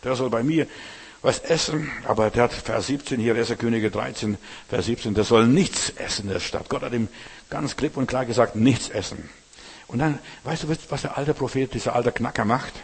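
A man preaches as pastor in a colloquial, direct style, constantly turning to the listener. His voice is husky. It rings out with a long reverb, as if in a large hall. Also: medium pitch, brisk. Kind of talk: sermon.

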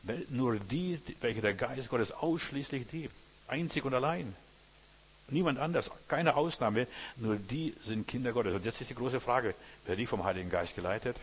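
A man's voice: mid-range voice, normal speed, breathy edge. A man preaching a sermon in earnest German-language style, addressing his listeners directly as brothers and sisters.

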